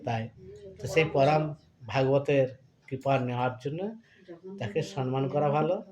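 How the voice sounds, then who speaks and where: A hoarse man teaching a devotional scripture class, who often checks that his listeners have understood and leads them in chanting. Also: medium pitch, a little slow, a crowd in the background. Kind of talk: devotional class talk and call-and-response chanting.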